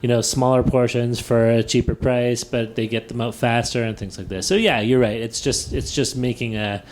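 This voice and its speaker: A man's voice: medium pitch, steady tone, moderate pace. A man hosting a tech podcast in casual chat, thinking aloud with many fillers and restarts, laughing easily. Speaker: podcast host.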